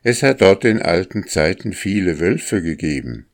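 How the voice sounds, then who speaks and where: A man voicing a wise old male raven who calmly explains things, in a storybook reading. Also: sits low, moderate pace.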